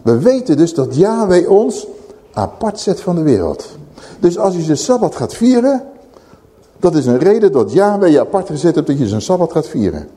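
A man preaching a sermon, reading scripture aloud and commenting in an animated way. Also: a little high, moderate pace. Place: church hall. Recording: long reverb of a church hall.

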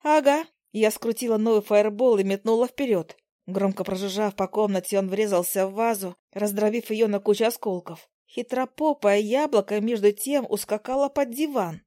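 A woman reading a first-person story aloud in a lively, playful way. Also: medium pitch, normal speed, dry recording, clean studio sound. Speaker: audiobook narrator.

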